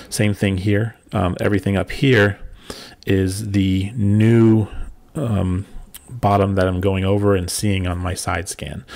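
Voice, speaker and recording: Deep gravelly man explaining a fish finder. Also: a little mellow, no echo. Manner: explaining step by step, many ums. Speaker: kayak fishing vlogger. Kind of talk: voice-over tutorial.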